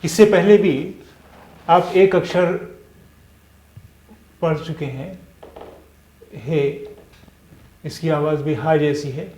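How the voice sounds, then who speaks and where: Slow, patient male language teacher. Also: on the high side, darkish tone. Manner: patient, repeats sounds and syllables slowly, many pauses and fillers. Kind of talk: slow spoken language lesson. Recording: echoey room.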